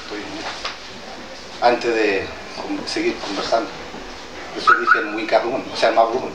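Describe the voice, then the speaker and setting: A man whose voice is on the low side with little pitch movement speaks hesitantly to a gathering, restarting often in plain, halting speech. He is a traditional healer from southern Chile with Mapudungun as his first language. The recording, made far off in an indoor hall with an audience, is roomy and noisy.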